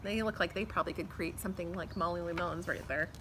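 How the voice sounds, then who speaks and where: On a backyard patio, a middle-aged American woman reads a picture book to pupils, teacher-style, stretching words and inserting asides for young ears. Her voice is lowish and fast. The audio, from a camera a few feet away, carries faint outdoor noise.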